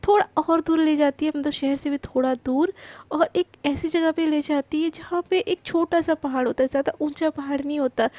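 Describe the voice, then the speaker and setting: A woman storyteller with a high but mellow voice who tells her serial love story in a loose, chatty way, full of asides. The recording is close and dry. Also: dry recording. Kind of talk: casual spoken storytelling.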